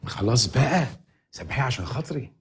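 An actor with an Egyptian accent playing a scheming, fast-talking go-between with a wheedling, conspiratorial manner. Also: male voice, mid-range voice, very animated, husky. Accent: Egyptian Arabic. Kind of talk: Egyptian film comedy acting.

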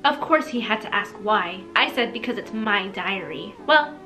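A woman's voice: mid-range voice, expressive, moderate pace. A young woman reading her childhood diary aloud and commenting on it, amused and embarrassed, with exclamations. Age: young adult. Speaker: vlogger. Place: small decorated room indoors. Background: background music.

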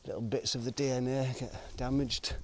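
Filmed by an action camera on his bike, a vlogger cycles a country road and woods while rambling in a musing, unscripted, wandering fashion. He speaks briskly in a mid-range voice with a level tone, and the outdoor audio is noisy.

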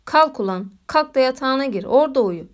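A woman's voice: sits high, lively intonation, brisk. A woman voicing a brusque, embarrassed young man who snaps and barks orders at a boy. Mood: snapping. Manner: snapping, gruff outbursts.

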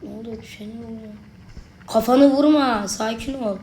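A woman's voice: a little high, moderate pace, warm tone, slight background noise. A young woman commenting casually while playing a babysitting horror game, chatting to her viewers and talking back to the on-screen baby. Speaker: gaming video creator. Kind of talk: let's play commentary.

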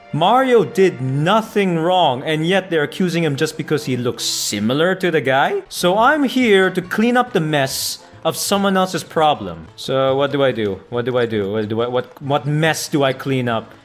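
A man doing let's play commentary, chatty and breaking into excited yelling at the game. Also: fairly high pitch. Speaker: gaming YouTuber. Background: faint game music.

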